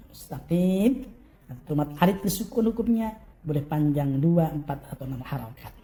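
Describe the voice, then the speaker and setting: A man teaching Quran recitation, who chants verses in long drawn-out phrases and then gives brisk corrections. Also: a little high, warm tone. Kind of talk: recitation lesson.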